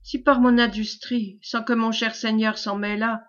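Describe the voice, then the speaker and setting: A woman reading the lines of a servile, scheming man who flatters in a caressing, obsequious tone, in a storybook reading. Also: fairly high pitch, normal speed, dull audio, close to an everyday voice. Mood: fawning. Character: fawning, sly male schemer, servile and unctuous.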